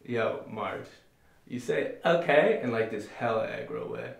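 A man's voice: fairly low pitch, level tone, a little slow, creaky. A man playing a slangy party bro. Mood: slangy, eager. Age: young adult. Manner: slangy, loose bro talk. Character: laid-back party-bro college roommate. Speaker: roommate Tyler. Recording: roomy echo.

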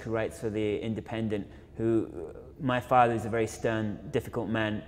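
A young man, a photographer and filmmaker, giving an informal illustrated talk in a university auditorium, reflective and full of fillers and self-corrections. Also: lowish voice. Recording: long reverb of a lecture hall.

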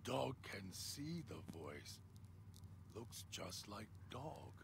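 An actor voicing a hulking, timid mutant who talks about himself in the third person in simple broken phrases, in a video game. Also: male voice, medium pitch, very animated, drawn-out words, creaky, slightly rough, heavily acted. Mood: pleading. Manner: simple broken speech, refers to self as Dog.

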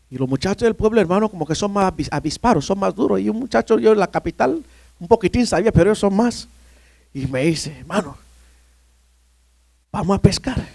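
A male pastor telling a lively personal story during a sermon, often calling listeners "brother". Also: high voice, vocal fry, dry recording, studio quality. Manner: animated storyteller, often addressing "hermano".

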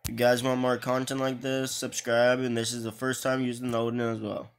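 A man's voice: mid-range voice, little pitch movement, brisk, a little hiss or hum. A young man with an Irish accent chatting casually over his mobile game footage, rambling and often restarting his words. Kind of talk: casual gaming commentary.

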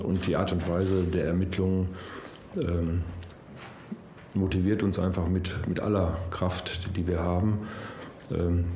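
A middle-aged man with a deep, flat, dark voice answers a reporter slowly, pausing often with fillers. The room around him rings with echo. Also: a little hiss or hum. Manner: slow, halting, full of fillers. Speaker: police investigator. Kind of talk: on-camera interview. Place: indoor conference hall. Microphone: handheld reporter microphones. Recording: roomy hall echo.

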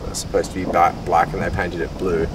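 A man's voice: low voice, quick pace, distant mic, noisy background. A man sailing vlogger casually explaining boat maintenance outdoors at a boatyard, recorded on a handheld camera. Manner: relaxed, explanatory, jokey. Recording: background music under the voice. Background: background music.

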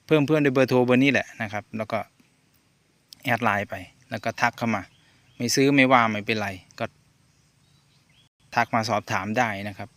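A man's voice: medium pitch, sharp tone, no echo. A Thai man from Korat, a sugarcane farmer, chatting in a loose, easygoing vlog with a Korat accent and Isan words mixed in. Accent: Korat (Nakhon Ratchasima) Thai, mixing in Isan/Lao words. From Thailand. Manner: easygoing, chuckling, loose and meandering. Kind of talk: casual rambling vlog talk. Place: farm field outdoors.

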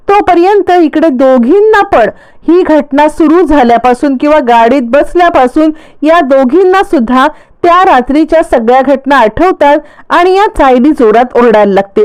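A woman narrating a casual, lively recap of a television serial's plot. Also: sits high, smooth.

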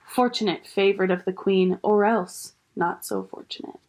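A woman voicing a menacing male wolf guard in a storybook reading, gruff and commanding. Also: medium pitch, fairly even intonation, moderate pace, darkish tone, natural voice.

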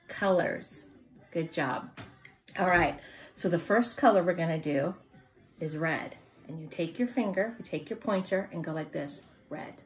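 A middle-aged woman teaching a lesson to young children in simple, encouraging phrases, with questions and repetition. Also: lowish voice. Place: indoor room at home, seated at a wooden table.

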